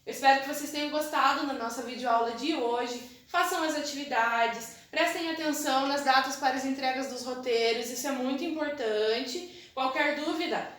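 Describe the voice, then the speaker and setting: A woman's voice: high voice, fairly bright tone. A Brazilian woman teaching a recorded video lesson to young children, explaining patiently and drawing out syllables, checking in with "tá?" and "né?". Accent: Brazilian Portuguese. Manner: patient, explains slowly, syllables drawn out, frequent "tá?" and "né?". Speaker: primary school teacher. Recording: very echoey room.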